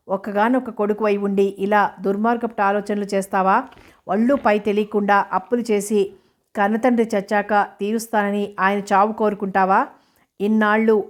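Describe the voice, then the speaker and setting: A woman's voice: medium pitch, smooth, lightly acted. A woman voicing an elderly mother, usually mild, who scolds her son reproachfully.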